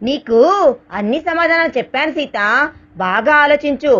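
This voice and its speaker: A woman voicing a stern, brooding young husband who speaks calmly and curtly, in a storybook reading. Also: sits high, moderate pace, lo-fi sound. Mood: weary.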